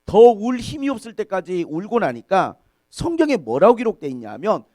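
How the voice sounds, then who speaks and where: Expressive high-voiced male pastor preaching. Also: normal speed, no room sound. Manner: expressive preaching, voice rising sharply on emphasis. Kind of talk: sermon. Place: church.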